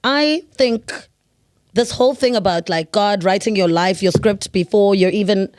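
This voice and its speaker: A young South African woman from Cape Town, a guest in a casual podcast chat, talking in a lively, chatty way and laughing often. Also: medium pitch, moderate pace, no room sound, clean studio sound.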